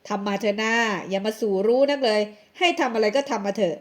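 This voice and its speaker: A woman's voice: mid-range voice, brisk, a little mellow, lightly acted. A woman voicing a bossy rich young man in an audio drama, curt and dismissive.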